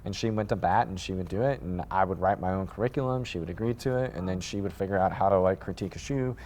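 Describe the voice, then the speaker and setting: A man in his thirties from the American Midwest, a sneaker designer telling his story in a casual interview, rambling and animated, with lots of fillers and restarts. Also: low-pitched, fast, slight background noise. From Midwest United States.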